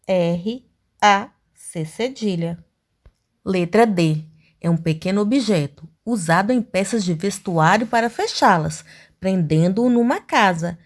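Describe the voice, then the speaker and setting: Lively sing-song woman teacher. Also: mid-range voice. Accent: Brazilian Portuguese. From Brazil. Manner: slow, sing-song syllables for children. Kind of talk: children's lesson.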